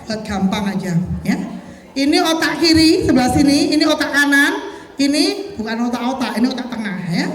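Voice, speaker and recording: A woman giving a lively, joking parenting seminar, acting out mothers and children as she goes. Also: sits high. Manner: animated, jokey, acts out mothers and children. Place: large lecture hall. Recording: echoey hall.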